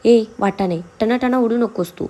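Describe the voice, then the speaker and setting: A woman's voice: a little high, normal speed, mellow, lightly acted. A woman doing a hot-headed teasing young husband. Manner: blustery and teasing.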